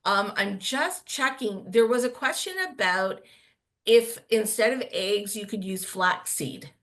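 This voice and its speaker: A woman's voice: mid-range voice, a little slow, fairly bright tone. A woman moderating a live webinar in an upbeat way, passing on viewer questions and announcing a winner.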